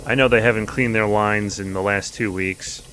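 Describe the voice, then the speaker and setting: A man's voice: on the low side, fairly even intonation, moderate pace, a bit bright, slight background noise. A man streaming a video game, chatting casually with jokes and swearing as he plays. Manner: chatty, joking, profane. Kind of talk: casual gameplay commentary.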